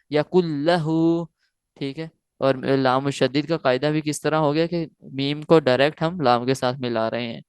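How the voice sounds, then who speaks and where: A man teaching Quran recitation online, explaining each rule and then slowly reciting each phrase several times. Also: mid-range voice, smooth, no room sound, clean studio sound.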